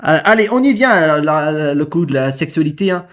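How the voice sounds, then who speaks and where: A man's voice: fairly high pitch, expressive, normal speed, a bit bright. A man reacting to a clip in casual commentary, indignant and repetitive, firing rhetorical questions. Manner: indignant, repeats himself, fires rhetorical questions.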